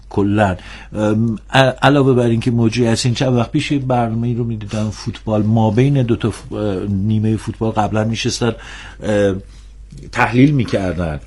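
A man's voice: medium pitch, darkish tone. Hesitant man on a TV panel. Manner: hesitant, with many drawn-out filler sounds; earnest and critical. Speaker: guest on a discussion show. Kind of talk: TV panel discussion.

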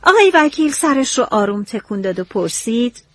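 A woman narrating a novel in a storytelling, expressive way. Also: fairly high pitch, no echo.

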